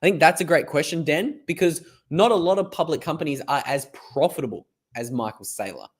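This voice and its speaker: A man with an Australian accent hosting a casual live stream, hoarse from a lost voice, rambling and chatty as he reads viewer comments aloud. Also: fairly high pitch, expressive, brisk.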